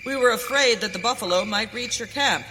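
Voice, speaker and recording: A woman's voice: on the high side, a little fast, natural voice. A woman playing a noble, resolute masked rider of the Wild West, earnest and declamatory, in radio theater. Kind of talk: live western radio theater acting. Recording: reverberant hall, faint background noise.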